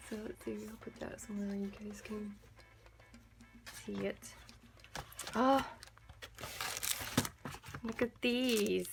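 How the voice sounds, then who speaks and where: A young woman opens a package on her channel and gushes over every item, giggling as she goes. She speaks slowly and lingers over her words, with soft music playing behind her. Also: mid-range voice, gravelly. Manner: gushing, excitable, breaks into giggles. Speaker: art supply vlogger. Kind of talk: casual unboxing vlog.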